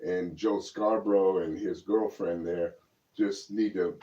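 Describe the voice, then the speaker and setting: A low, dark male voice with a steady, unhurried delivery, co-hosting a political talk show. Born in Germany, he rambles through casual, emphatic and opinionated commentary, often repeating words. The audio is muffled and lo-fi, picked up by a distant microphone.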